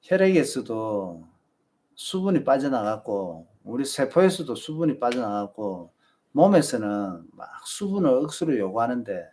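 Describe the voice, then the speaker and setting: Chatting casually on a live stream, a marathon channel host gives viewers advice in a Busan Gyeongsang Korean accent. His voice is medium-pitched and a little mellow.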